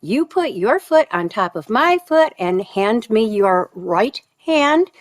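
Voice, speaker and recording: Woman quoting a calm, commanding horse rider. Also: medium pitch, slow pace. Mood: instructing. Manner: gives firm, patient instructions. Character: confident male horseback reenactor, calm and commanding.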